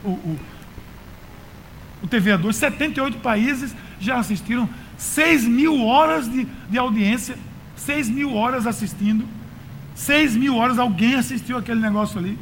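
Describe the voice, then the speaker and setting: This sermon comes from a Brazilian pastor whose high voice sounds a bit bright as he speaks at normal speed. He encourages listeners in everyday speech and repeats phrases to make them stick, over a rough recording with light noise.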